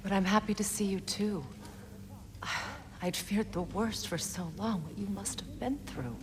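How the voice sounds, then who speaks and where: An actress playing a proud, wounded goddess in a video game, grave and guarded. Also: female voice, mid-range voice, unhurried, noisy background, close to an everyday voice. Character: proud, wounded, vengeful adult goddess and mother. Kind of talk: video game character acting.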